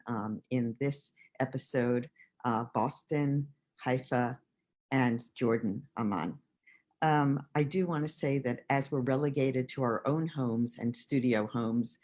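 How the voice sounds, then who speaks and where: Measured, friendly moderator. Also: medium pitch, a little mellow. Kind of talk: scripted introduction.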